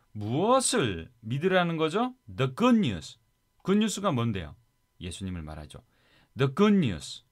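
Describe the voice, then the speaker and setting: With a Korean accent, a man teaches English Bible verses in an energetic classroom manner, urging listeners to repeat after him. His voice is medium-pitched.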